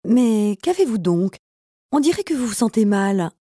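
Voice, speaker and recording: A woman's voice: on the high side, very animated, normal speed, warm tone, no echo, clean studio sound. A woman voicing an earnest, emotional young male sailor of twenty.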